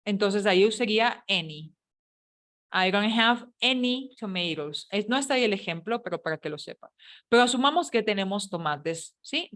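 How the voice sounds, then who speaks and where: A woman teaching an English grammar lesson, explaining in a chatty, playful way with jokes and questions to her students. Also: medium pitch. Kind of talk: online English lesson taught in Spanish.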